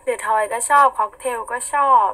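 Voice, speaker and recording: A young woman with a husky voice, chatting casually on a live stream, reading out viewer comments and laughing often. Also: brisk, sharp tone, low-quality recording. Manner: chatty, giggly, playful. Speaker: idol singer on a live stream.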